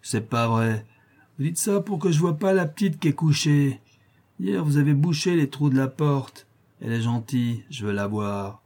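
A hulking drunken brute shouts and slurs his threats, as a man reads him. His husky, dark voice is pushed up high and loud. He comes across as menacing and bullying. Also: expressive, moderate pace. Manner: bellowing, threatening, slurred. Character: drunken lame brutish male neighbor.

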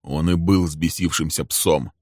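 A man voicing a calm, cold man with a dark secret, speaking slowly and evenly. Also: rumbling low, no room sound, clean studio sound.

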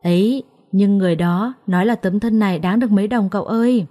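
Quick-witted young wife, a woman's reading, firm, brisk retorts. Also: medium pitch, dark tone, natural voice. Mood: playful.

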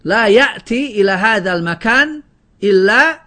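A man's voice: high voice, animated, normal speed, pushed and bright. A man teaching a grammar lesson to a class, drilling word lists and quizzing students with questions. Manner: often breaks off and restarts words.

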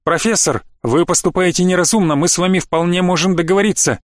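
A man's voice: sits high, quick pace, dry recording, studio quality, natural voice. A man voicing a male mafia gang leader in an audiobook, oily and mock-polite with menace beneath. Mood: coaxing. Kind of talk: audiobook reading.

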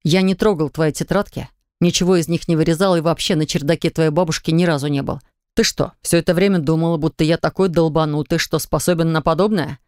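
A woman voicing a quick-tempered young husband, curt and exasperated, in a lower voice in an audiobook. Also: steady tone, darkish tone, no echo, studio quality, close to an everyday voice. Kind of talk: audiobook character reading.

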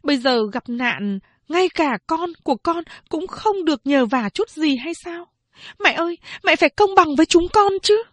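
A woman's voice: very high-pitched, lively intonation, normal speed, fairly bright tone, no echo, pitched above the performer's own voice. A woman voicing a hot-tempered young woman who argues back hard at her mother and sister. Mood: pleading defiant. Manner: defiant, scolding. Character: sharp-tempered young woman, quick to slap.

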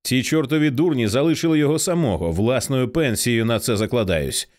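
A man voicing a stern commanding man who takes charge, speaking in calm, clipped orders. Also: mid-range voice, fairly quick, close to an everyday voice. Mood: grim commanding.

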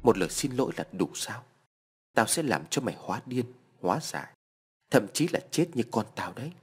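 A bitter old woman ghost from a spoken horror tale makes slow, threatening demands, as a man puts her on. Her voice is husky and rises and falls widely. Underneath it is an everyday male storyteller's voice. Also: mid-range voice, sing-song. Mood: menacing.

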